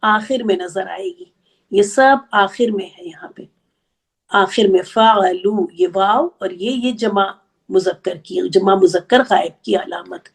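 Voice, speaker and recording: A woman teaching an Arabic grammar class, explaining patiently step by step and counting slowly aloud. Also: mid-range voice, gravelly, husky. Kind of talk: online class lecture.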